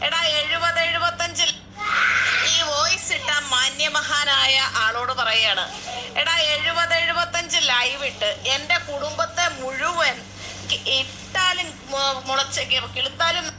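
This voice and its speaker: A woman shouting while crying, repeating herself in an angry outburst in a played clip. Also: sits high, unhurried. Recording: loud noise over the clip.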